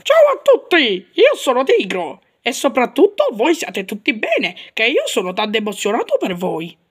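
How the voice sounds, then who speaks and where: Una donna che imita una tigre dei cartoni, maschio, agitata e saltellante. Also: female voice, fairly high pitch, slightly rough, voice pushed down, exaggerated voice. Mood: excited. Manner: excited, hurried. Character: excited bouncy male cartoon tiger.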